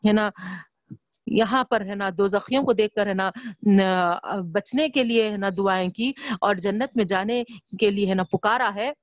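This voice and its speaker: A woman's voice: medium pitch, no room sound. A woman giving a Quranic commentary lecture, stuffing her speech with a constant tag filler and asking emphatic rhetorical questions. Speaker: religious teacher.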